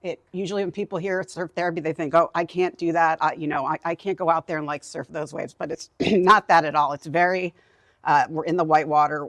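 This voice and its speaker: A woman in her fifties with a gravelly, fry-edged voice gives a conference talk as a therapist. She speaks in a relaxed, chatty way and thinks aloud, and the sound is dry with little room echo. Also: sits low. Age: 50s. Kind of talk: conversational presentation.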